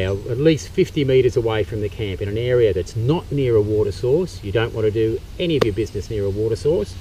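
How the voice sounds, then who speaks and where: With a dark, mid-range voice and an Australian accent, a middle-aged bushcraft instructor and tour guide demonstrates practical skills in a eucalyptus forest, talking through each step with some fillers. The sound comes from a camera mic a few metres away, distant outdoor audio with faint background noise.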